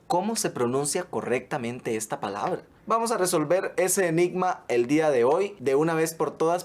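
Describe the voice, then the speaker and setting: Playful young presenter. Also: male voice, a little high. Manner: playful, hams up pronunciations. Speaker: segment presenter. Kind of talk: playful educational segment.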